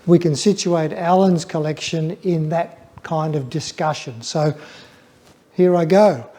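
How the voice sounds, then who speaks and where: Speaking at an informal public talk with pictures, an older Australian man who once curated photography at a museum pauses often and reflects as he goes. His tone is gentle and mellow, a little high, but lacks brightness and sounds flat. He hesitates and trips over the opening sounds of words.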